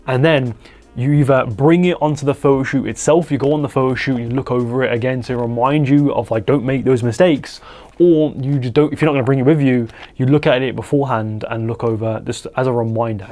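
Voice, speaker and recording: Young man rambling casual photo advice. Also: darkish tone. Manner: rambling, full of "like" and restarts; acts out quoted voices with pitch jumps. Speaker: portrait photographer giving advice. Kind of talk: casual advice talk to camera.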